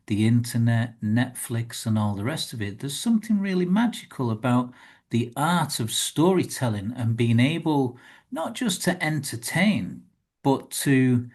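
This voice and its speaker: Male interviewer, medium pitch, thoughtful, reflective, conversational, searching for words. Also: lively intonation, a little slow, darkish tone.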